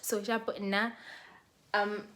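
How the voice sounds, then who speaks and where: A young woman with a South African accent, telling her own story to her viewers in a casual, dramatic way, jumping between loud bursts and hushed asides. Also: mid-range voice, flat delivery, extremely slow, heavy background noise. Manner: talks straight to her viewers, often calling them "guys".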